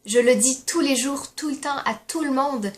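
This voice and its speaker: A young woman in her twenties from France, with an accent that drifts between French and Québécois. She chats candidly to camera in a casual vlog, pausing on frequent fillers. Her voice sits slightly high for a woman. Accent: mixed French and Québécois. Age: 20s. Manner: candid, chatty, with hesitant fillers. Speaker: YouTuber.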